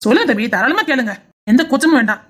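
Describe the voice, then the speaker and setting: Woman playing a male politician, calm and soothing, high-pitched, fast, Tirunelveli Tamil accent. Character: calm middle-aged male politician, sympathetic.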